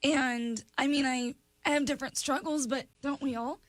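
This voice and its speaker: Woman with a hoarse, failing voice. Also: high-pitched, steady tone, normal speed, dry recording. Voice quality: hoarse, raspy voice. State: losing her voice, throat clearing. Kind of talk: casual personal testimony.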